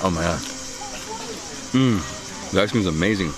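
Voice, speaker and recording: A man's voice: low-pitched, expressive, moderate pace, music in the background, rough recording. A man in his thirties vlogging about food at an outdoor terrace, talking to a camera held at arm's length and savoring each bite with enthusiastic murmurs. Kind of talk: casual food vlog narration. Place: outdoor restaurant terrace under a vine pergola.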